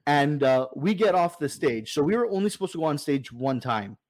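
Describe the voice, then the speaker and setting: A man, a supporters' club president who is a podcast guest, telling a story in a casual, animated way and acting out quoted dialogue. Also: a little high, fairly quick, dry recording.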